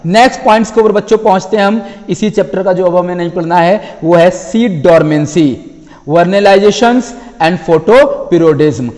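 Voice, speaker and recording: A man teaching a syllabus lesson to students, calling them children, repeating his phrases and reading English topic names slowly from a list. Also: sits high, steady tone, darkish tone, long reverb tail.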